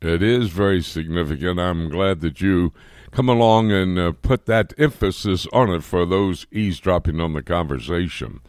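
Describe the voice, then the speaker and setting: A man's voice: sits low, moderate pace, darkish tone, clean tone, dry recording, clean studio sound. A man hosting a radio talk show, speaking in an assured, conversational way. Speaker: radio host.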